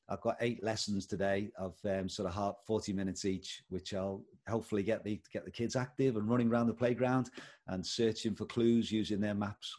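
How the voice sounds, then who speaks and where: With a lowish, darkish voice, an older English man with a Liverpool accent discusses his life and work as a schools coordinator in a relaxed interview where he is the guest.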